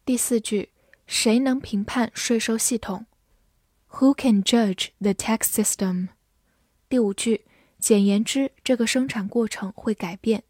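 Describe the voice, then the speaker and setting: A woman teaching English vocabulary, saying each word twice and then listing its meanings in a measured reading. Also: mid-range voice, a little mellow, no room sound, clean studio sound.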